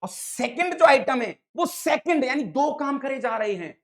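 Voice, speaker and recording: An online maths teacher explaining probability to exam students in a lively, playful lecture, talking to them as sir and dada. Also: female voice, sits high, normal speed.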